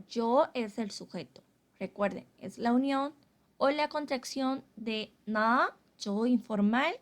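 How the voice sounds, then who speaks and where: A woman teaching a Korean grammar lesson, explaining slowly and carefully. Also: a little high. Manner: slow, carefully spelled-out explanations.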